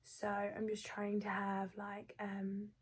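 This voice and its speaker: A woman's voice: mid-range voice, completely flat delivery, slow. A woman vlogger giving a casual video diary, talking carefully and subdued with a thick voice from a sore, swollen throat after tonsil surgery.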